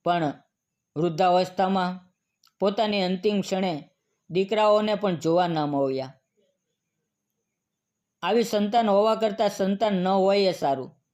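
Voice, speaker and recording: A man narrating a moral storybook tale in a solemn, even-paced scripted reading. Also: sits high, unhurried, pauses often.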